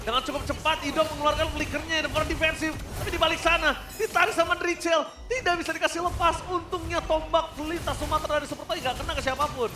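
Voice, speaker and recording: Esports play-by-play man, fast and emphatic fighting game announcer delivery, clear music bed. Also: very high voice, fairly even intonation, echoey room. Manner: emphatic, urgent calls of kills and moves.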